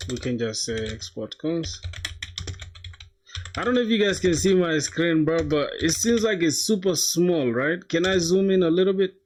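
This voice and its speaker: A young man from South Sudan live-streaming his coding, thinking aloud in a slangy, casual way with bursts of excitement. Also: medium pitch, noisy background. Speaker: coding livestreamer.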